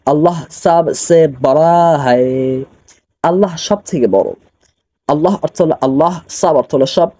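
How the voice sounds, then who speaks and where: Man teaching a slow word-by-word lesson. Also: fairly high pitch, dark tone, no room sound. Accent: Bangladeshi Bengali. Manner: slow word-by-word translation drills, repeating phrases. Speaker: religious studies teacher. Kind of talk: online classroom lesson.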